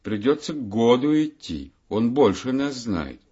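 A man's voice: mid-range voice, sing-song, unhurried, warm tone, breathy edge, voice pushed up, full character voice. A man voicing a jolly, easygoing young man in a children's fairy tale. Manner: jolly, breezy. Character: cheerful young man May, playful and easygoing. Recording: dull lo-fi audiobook recording.

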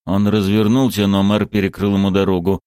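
A man narrating an audiobook with steady, even reading. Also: sits low, fairly quick, clear, resonant tone, no echo, clean studio sound. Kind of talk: scripted narration.

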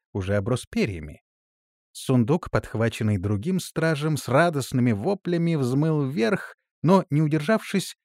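A man narrating a fantasy storybook in an animated, dramatic manner. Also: mid-range voice, dry recording, clean studio sound. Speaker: audiobook narrator.

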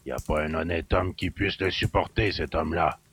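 An actor playing a gruff, suspicious country innkeeper who grumbles in rustic speech. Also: male voice, fairly even intonation, a little fast, fairly bright tone, no room sound. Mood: grumbling. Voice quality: gravelly, low and husky. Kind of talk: audio drama acting.

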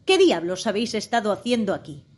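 A woman voicing a furious tyrant queen who barks loud commands in a storybook reading. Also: mid-range voice, sing-song, fairly quick. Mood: furious shouting.

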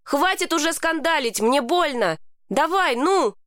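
A woman reading an audiobook, voicing a frightened boy in pain who shouts and pleads. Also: on the high side, lively intonation, moderate pace, no room sound, studio quality, pitched above the performer's own voice. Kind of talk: audiobook character voice.

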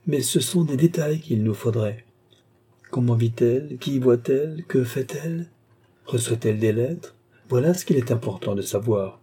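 A man's voice: dark tone, breathy edge. A man voicing a vain, imperious court countess, scolding and exclamatory, in an audiobook reading. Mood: excited. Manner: exclamatory, scolding, fast and shrill.

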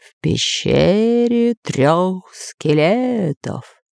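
Storybook ghost: woman voicing a low, hushed pirate spirit, slow and terse. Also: expressive, creaky, dry recording, clean studio sound, exaggerated voice. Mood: eerie.

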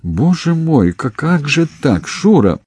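A doting, anxious elderly mother from an audiobook, her voice pitched high and exclamatory, as a male narrator puts her on. She frets over her son and gushes about visiting relatives. The sound is close and dry, with a husky edge. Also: very animated, takes it slowly, a little mellow, no echo, full character voice. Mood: worried. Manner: fretting, exclaiming.

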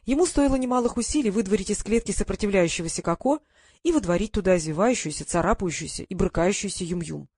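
A woman narrating an audiobook in an even, measured reading. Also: medium pitch, dry recording, studio quality. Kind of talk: scripted narration.

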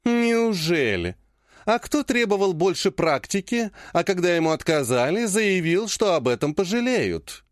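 A man voicing a powerful woman clan head who speaks in a slow, honeyed yet threatening way. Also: sits high, big pitch swings, no room sound, clean studio sound. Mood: honeyed menace. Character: sweetly menacing older woman clan head.

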